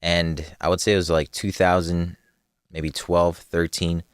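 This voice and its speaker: A man's voice: low voice, flat delivery, unhurried, smooth, no echo, studio quality. A young man from New chatting casually as a podcast guest, laid-back, laughing often and using street slang. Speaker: podcast guest, clothing brand co-owner.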